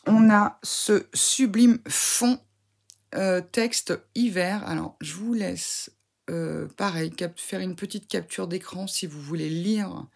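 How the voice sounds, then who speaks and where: Husky gravelly-voiced woman, sick. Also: lowish voice, darkish tone. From France. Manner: enthusiastic, chatty, many fillers and gushing praise. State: sick, voice affected. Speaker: scrapbooking crafter reviewing a subscription box. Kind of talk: casual unboxing chat to camera.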